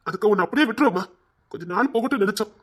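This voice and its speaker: A man's voice: sits high, animated, very fast, husky. An actor playing a protective elder brother who soothes his family with repeated endearments, speaking with a Tirunelveli Tamil accent. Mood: consoling. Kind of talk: web serial acting.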